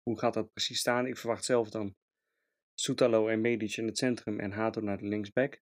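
A man's voice: lowish voice, little pitch movement, brisk. A man from the Netherlands giving an opinionated, emphatic match review as a fan podcast host, with frequent hesitations. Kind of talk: casual match review monologue.

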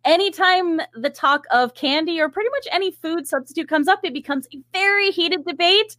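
Woman podcast co-host, high-pitched, giggly and eager, dry close recording. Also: a little fast, sharp tone, no room sound. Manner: enthusiastic, giggly. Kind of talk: casual chat.

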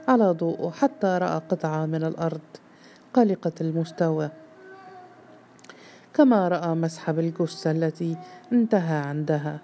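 A woman narrating a novel in a measured, dramatic storytelling manner. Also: deep voice, mellow, a little hiss or hum.

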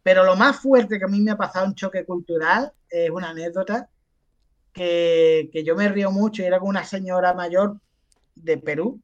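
In a casual podcast conversation, an Andalusian guest from Spain recounts anecdotes, imitating the voices of those he quotes. His voice sits high and he speaks at a normal speed, over dull audio.

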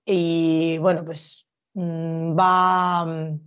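A woman's voice: sits low, little pitch movement, very slow, clear, resonant tone. A woman co-hosting a podcast, chatting casually about films with many hesitant fillers. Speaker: podcast co-host. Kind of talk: casual film chat. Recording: dull lo-fi sound.

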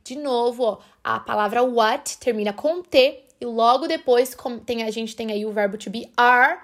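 A woman from Brazil, a podcast host explaining English pronunciation patiently, slowing down to model phrases. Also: a little high.

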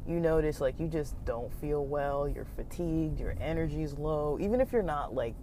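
Podcast host, mid-pitched and relaxed, casual meandering talk from the driver's seat, light vehicle noise behind. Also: normal speed. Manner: informal, hesitant, meandering. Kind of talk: casual rambling monologue. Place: inside a car while driving. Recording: muffled road noise inside moving car.

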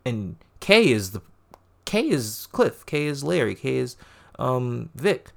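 A man's voice: medium pitch, takes it slowly, vocal fry. A man in casual podcast chat about a TV show, swearing freely and acting out scenes as he retells them. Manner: profane, animated retellings of scenes. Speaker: podcast co-host.

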